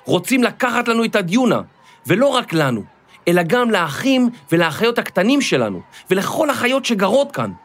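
A man voicing a boy who shouts indignantly into a microphone at a protest, in a children's storybook. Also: high-pitched, sing-song, voice pushed up, full character voice. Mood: rallying.

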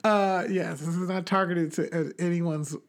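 A young adult man co-hosting a podcast, talking in a rambling, animated way with many fillers and restarts. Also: sits high, normal speed. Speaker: podcast co-host. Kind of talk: casual chat.

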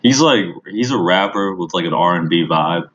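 A man's voice: low-pitched, lively intonation, normal speed, fairly bright tone, lo-fi sound, a little hiss or hum. A man from Washington DC chatting casually on a podcast, rambling with many stammered restarts. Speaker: podcast host. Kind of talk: casual chat.

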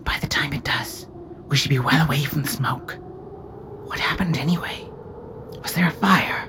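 A man voicing a gentle, caring male companion in a hushed, breathy whisper. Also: a little high, normal speed, voice pushed up, close to an everyday voice. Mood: soothing. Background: music.

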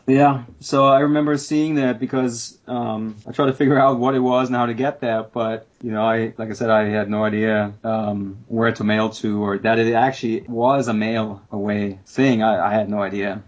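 A man's voice: lowish voice, fairly even intonation, normal speed, few pauses, highs cut off. A man from Germany, talking casually as a podcast panelist. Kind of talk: casual chat.

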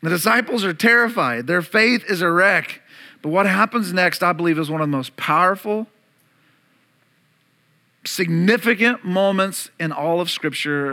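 During a church service, a pastor with a high, pushed, bright voice delivers a sermon to his congregation. He tells the story with drama and throws in playful asides to the people gathered.

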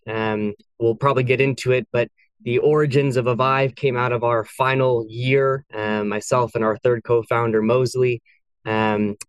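A young man from California, an engineer and company co-founder, telling his background in a measured, steady way on a podcast. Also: medium pitch, smooth, no room sound. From California, USA. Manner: measured, steady storytelling with "you know" fillers. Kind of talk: casual podcast interview.

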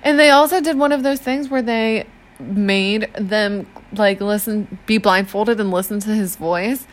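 A chatty woman telling a true crime case to a friend with slangy asides. Her pitch sits in the middle for a woman. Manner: chatty, slangy, acts out police in quick asides. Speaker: podcast co-host narrating a true crime case. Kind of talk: casual storytelling chat.

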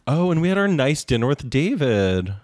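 A man's voice: mid-range voice, sing-song, moderate pace, a little mellow, dry recording. A man co-hosting a podcast, making snarky, gossipy remarks and laughing often. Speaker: podcast co-host. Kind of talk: casual gossipy chat.

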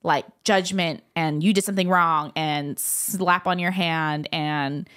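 Chatty woman with a lowish voice. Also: fairly even intonation, slow, fairly bright tone. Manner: chatty, fills speech with "like". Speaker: podcast guest. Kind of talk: casual personal storytelling.

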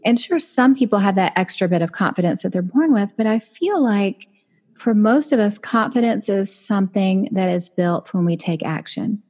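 A woman author and business coach talking casually in an interview, chatty and animated, jumping into high voices for quoted thoughts. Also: normal speed.

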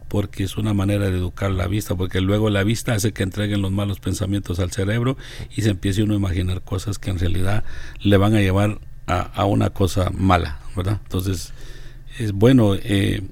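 A man reading a saint's life aloud and commenting on it in a measured, devout, earnest way. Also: fairly low pitch, vocal fry, a little mellow. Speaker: reader leading a group discussion.

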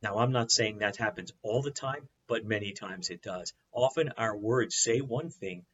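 A man preaching as a pastor, teaching in an earnest, measured way with rhetorical questions. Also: on the low side, a bit bright, dull audio, a little hiss or hum. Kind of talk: sermon.

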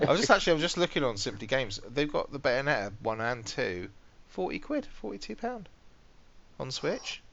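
A man's voice: medium pitch, very animated, a little fast, creaky, a bit bright, a little hiss or hum. A British man co-hosting a podcast, chatting casually and bantering about video games. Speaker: podcast co-host. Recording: dull lo-fi podcast audio.

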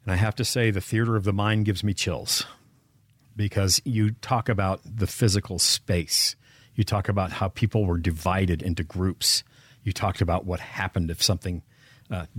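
A man hosting an interview, asking measured questions. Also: deep voice, steady tone, slightly rough, no echo. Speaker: interview host.

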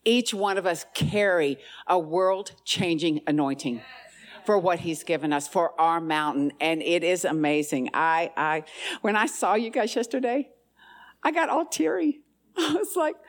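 A woman's voice: low voice, unhurried. Rallying woman at a church gathering. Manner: emphatic, rallying declarations. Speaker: women's ministry speaker. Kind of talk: charismatic church talk.

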